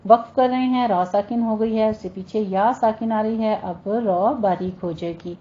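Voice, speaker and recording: Female recitation teacher, patient and corrective, mellow tone, dull lo-fi recording. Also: mid-range voice, fairly even intonation. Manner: patient, repeats each word slowly and corrects common mistakes. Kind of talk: recitation lesson, modelling sounds slowly.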